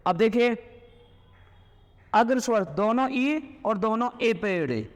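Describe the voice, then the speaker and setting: A male teacher giving a classroom lecture, asking and answering his own questions, dictating slowly and repeating words, and sounding out vowels loudly to demonstrate. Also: very high voice, expressive, big-room sound.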